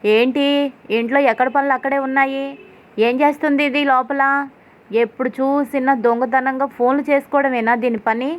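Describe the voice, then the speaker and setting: Woman reading a bullying young husband, loud and scolding, slightly high. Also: fairly even intonation, moderate pace, lightly acted. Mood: angry. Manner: shouting, scolding, rough insults. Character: angry young husband, harsh and accusing.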